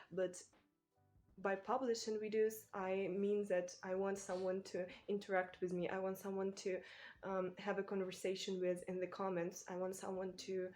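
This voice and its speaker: A woman from Ukraine with a Ukrainian accent, a native Ukrainian speaker, talking casually to camera as a booktuber in a thoughtful, halting way. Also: medium pitch. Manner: thoughtful, halting, with small restarts and soft laughs. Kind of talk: casual vlog talk to camera.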